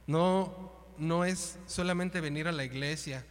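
A man's voice: on the high side, takes it slowly, clean tone. Guy preaching, chatty sermon w/ lots of asides, long church echo. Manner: conversational, uses colloquial asides and rhetorical questions. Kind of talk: informal sermon. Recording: long church-hall reverb.

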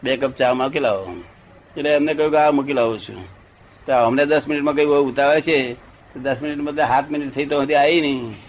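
A man's voice: medium pitch, a little fast, slight background noise. Older man telling a rambling story. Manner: rambling storytelling, checks listener with questions. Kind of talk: casual anecdotal chat.

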